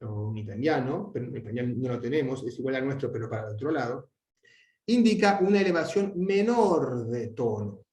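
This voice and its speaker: A man teaching a language lesson, explaining at length with frequent restarts and fillers, and drawing out his example words slowly. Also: medium pitch, animated, darkish tone. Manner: hesitant, many restarts and fillers. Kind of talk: explanatory lecture. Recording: echoey room.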